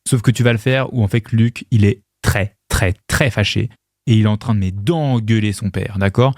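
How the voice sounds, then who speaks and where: A man co-hosting a podcast who talks casually, quickly and directly. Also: lowish voice, no echo, clean studio sound. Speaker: podcast co-host.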